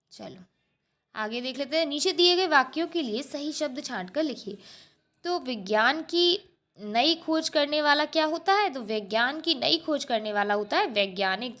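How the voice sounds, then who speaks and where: A woman with a high voice teaches a school lesson. She explains each point step by step, repeats the answers and keeps asking the class short rhetorical questions. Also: fairly bright tone. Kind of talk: textbook lesson walkthrough.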